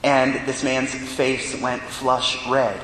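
Priest preaching in a cathedral echo. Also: male voice, little pitch movement, fairly bright tone. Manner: measured, earnest preaching with pauses. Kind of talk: gospel reading and homily. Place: large church. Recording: echoey church hall with faint rumble.

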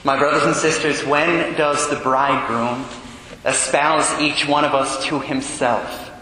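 A man's voice: on the high side, fairly even intonation, pushed and bright. Solemn male priest in cathedral echo. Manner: solemn, measured, deliberate phrasing with rhetorical questions. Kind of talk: liturgical reading and sermon. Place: large echoing church, indoors. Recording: cathedral echo, long reverb, faint background noise.

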